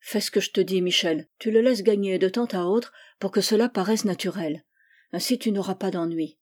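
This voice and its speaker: A woman reading the part of a frightened middle-aged café owner, speaking in a hushed, urgent way. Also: mid-range voice, moderate pace, close to an everyday voice. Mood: fearful.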